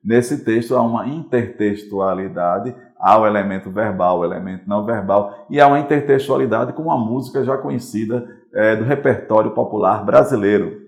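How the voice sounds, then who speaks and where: A man's voice: fairly low pitch, a little fast, creaky, few pauses, reverberant. A Brazilian Portuguese-speaking male teacher giving a recorded online class, explaining patiently and often checking in with the students. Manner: explanatory, repeats points, checks in with "certo?".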